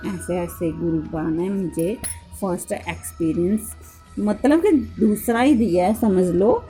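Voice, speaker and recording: A woman's voice: lowish voice, mellow. A middle-aged woman giving a devotional satsang testimony, telling her story and often turning to address the congregation.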